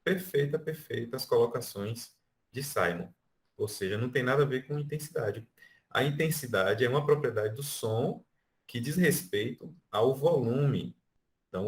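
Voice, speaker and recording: A Brazilian man with a Brazilian Portuguese accent teaches an online music class over a video call, counting beats and stretching syllables to explain. He speaks at medium pitch and normal speed.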